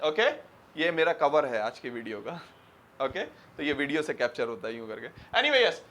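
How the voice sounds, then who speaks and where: A man's voice: fairly high pitch, sing-song, a bit bright. A man with a Pakistani accent teaching English grammar in a classroom, quizzing students and switching between Urdu and English. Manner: slows and stretches English example sentences.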